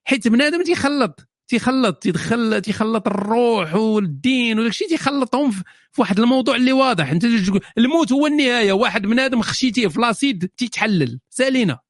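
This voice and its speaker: A man's voice: very high voice, expressive, no echo, clean studio sound. A man with a Moroccan accent hosting a solo question-and-answer show, delivering a sarcastic, mocking monologue. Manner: sarcastic, mocking, rapid-fire. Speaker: host answering viewer questions.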